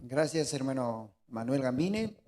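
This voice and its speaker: A man's voice: medium pitch, animated, unhurried, warm tone. A man moderating a church lesson review, thanking speakers and encouraging the group as brethren. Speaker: Bible study moderator.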